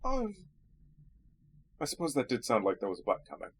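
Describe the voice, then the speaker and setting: A man's voice: medium pitch, wildly swooping pitch, a little fast, slight background noise. A man playing his character in a tabletop game, speaking in a polite, formal and apologetic way. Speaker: player.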